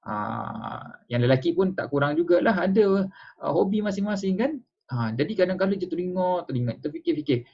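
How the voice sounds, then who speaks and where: A man's voice: high voice, lively intonation, moderate pace, darkish tone, breathy edge. A man giving an informal religious lecture, chatty, asking rhetorical questions and acting out little examples. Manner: conversational, asks rhetorical questions and acts out examples. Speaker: religious teacher. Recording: dull lo-fi recording.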